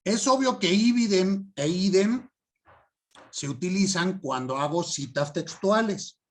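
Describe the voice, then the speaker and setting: A man giving a class lecture, stressing key words and often asking students if it is clear. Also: sits high, a little slow. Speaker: law teacher.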